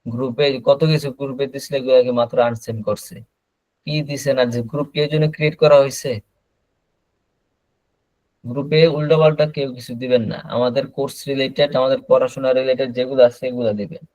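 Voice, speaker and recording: A man teaching an online class, explaining slowly and repeating words over a video call. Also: mid-range voice, flat delivery, a little mellow, no room sound, rough recording. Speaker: English teacher.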